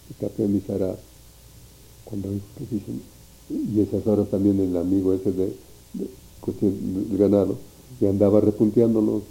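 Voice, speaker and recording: A man's voice: fairly low pitch, vocal fry, warm tone, poor audio. A man telling a meandering, folksy story from his past. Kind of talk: oral history recollection.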